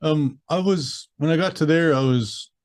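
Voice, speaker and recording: A man's voice: on the high side, normal speed, no echo, clean studio sound. A man in his thirties from Canada, a guest telling his story in a casual, laid-back way and chuckling through grim details. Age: 30s.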